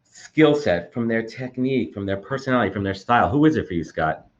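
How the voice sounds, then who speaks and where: This podcast host has a fairly low, expressive voice and a touch of cold congestion. He talks fast and eagerly in a conversational interview, repeating words often, on dull-sounding audio.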